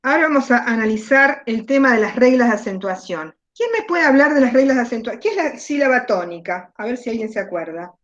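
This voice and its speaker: A woman's voice: fairly high pitch, expressive, fairly quick, hardly any pauses, fairly bright tone. A woman teacher with an Argentine Spanish accent giving an online class, asking questions and repeating key words. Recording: dull lo-fi video call audio.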